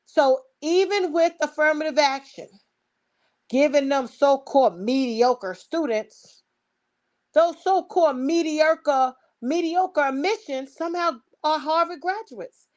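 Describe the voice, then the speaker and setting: Woman, Brooklyn accent, high pitch, emphatic delivery, informal opinionated solo commentary. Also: slow, darkish tone. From Brooklyn, New York. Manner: emphatic, rhetorical questions, swearing.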